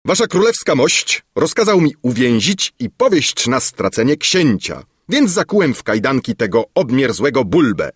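A man's voice: mid-range voice, big pitch swings, moderate pace, hardly any pauses, husky, no echo, studio quality, voice pushed up. A man voicing a stiff, dutiful old army captain in a storybook reading, earnest and formal.

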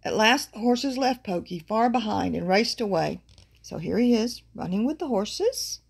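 A woman reads a children's picture book aloud, her voice gravelly and husky. Her pitch rises and falls in a lively, expressive way as she points out what is on each page. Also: normal speed. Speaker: storybook reader.

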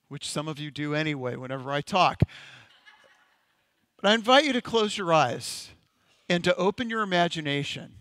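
A male pastor leading a congregation through a slow, gentle guided-imagery meditation in a sermon. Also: fairly high pitch, no echo. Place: church sanctuary.

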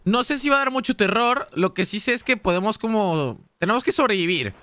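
A Mexican man commenting on a game live, in a high, bright voice that carries lots of energy. He talks in a chatty, slangy way, reacting out loud and speaking straight to his chat. The sound is dry and close, with no room echo. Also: animated, fairly quick. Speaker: gaming streamer.

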